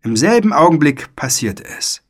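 A man narrating a children's storybook in an expressive, dramatic way. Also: a little high, normal speed, slightly rough. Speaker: audiobook narrator.

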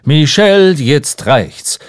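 A sober, earnest grown man who gives firm instructions, as an audiobook narrator puts him on. His delivery stays matter-of-fact, with a lively rise and fall. The sound is dry and close. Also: fairly high pitch, very slow, smooth, dry recording, voice pushed up, exaggerated voice. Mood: urgent. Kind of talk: audiobook character reading.

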